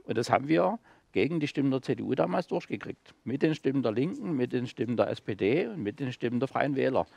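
A man's voice: mid-range voice, expressive, fast talker, creaky, a little mellow, dry recording, dull audio. A man who sits on a local council, talking as a guest on a talk show in a hesitant, explanatory way with many fillers. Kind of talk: casual talk-show conversation.

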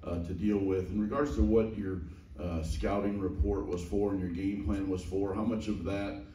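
A man's voice: sits low, fairly even intonation, moderate pace, mellow. A man, a reporter, asking a hesitant question full of fillers at a press conference. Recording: roomy, distant, faint noise.

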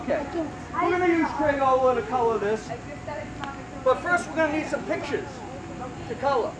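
A man's voice: very high-pitched, expressive, normal speed. A middle-aged man working as a kids party magician, projecting playful, teasing patter and questions to an audience of children. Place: outdoor backyard lawn at a party. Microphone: camera a few metres away. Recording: very noisy outdoor recording with crowd. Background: children and outdoor crowd noise.

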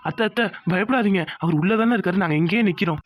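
A woman's voice: mid-range voice, fast talker, dry recording, studio quality, natural voice. A woman voicing an insistent young village husband in a cartoon. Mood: respectful. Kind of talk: cartoon voice acting.

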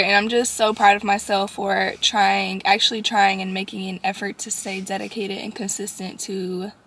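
Sleepy chatty woman vlogger, gravelly. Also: mid-range voice, fairly bright tone. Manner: talks straight to viewers, repeats phrases for emphasis. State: sleepy, just woke up. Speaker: vlogger and working mom. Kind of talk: casual chatty vlog. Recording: echoey room with faint noise.

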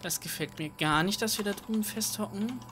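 A woman's voice: medium pitch, brisk, music in the background. A woman commenting casually on her own gameplay at home, chatty and self-mocking, thinking aloud with many fillers. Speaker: let's play host. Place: home room at night. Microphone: desk microphone.

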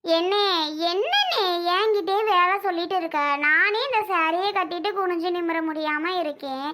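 A woman's voice: extremely high pitch, expressive, moderate pace, very noisy. A woman playing a playful young sister who teases her older brother and fishes for compliments. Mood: chirpy. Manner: chirpy, teasing.

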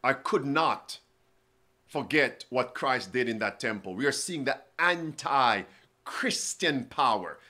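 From a studio desk in an indoor studio lined with bookshelves, a man in his forties delivers a prophecy sermon to camera. His mid-range voice is animated and sharp at a slow pace as he reads quotations aloud and puts pointed questions to his listeners.

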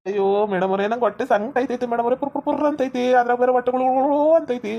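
Pleading sick villager, played by a woman, mellow dark tone, lo-fi sound. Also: on the high side, steady tone, racing. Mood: wailing. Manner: whiny, pleading. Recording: dull lo-fi sound.

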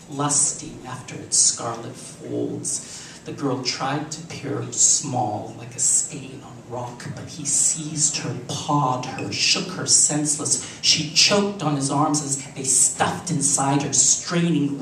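A man reads a literary story aloud at a live cafe show, taking it at a very slow, measured pace with the odd stumble. His voice comes from a distance off the mic, carried by a roomy echo with faint background ambience behind it. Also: a little high, slight background noise. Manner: measured, deliberate reading with occasional slips. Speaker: reader.

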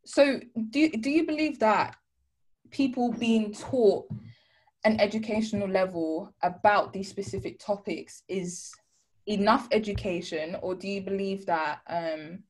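A woman's voice: mid-range voice, measured pace. A young woman student asking a hesitant, roundabout question in an online debate over a video call. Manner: hesitant, restarts often, many ums.

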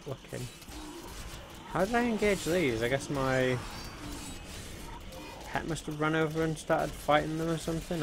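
A man's voice: medium pitch, creaky. A man hosting a casual let's-play, chatting to viewers as he plays, with frequent ums. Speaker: gaming video host. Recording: noticeable background noise.

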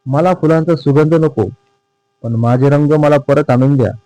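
A man's voice: fairly high pitch, normal speed, dark tone, no echo, close to an everyday voice, poor audio. A man voicing the proud, vain sky in a storybook reading, boastful and scolding. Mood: demanding.

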